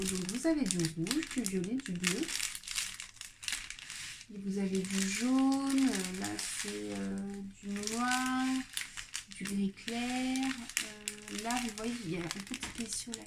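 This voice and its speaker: A woman's voice: medium pitch, measured pace, very noisy. Young woman, French accent, casual unboxing host, mid-range voice, enthusiastic and rambling. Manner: chatty, gushing, many fillers and little exclamations. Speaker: craft vlogger.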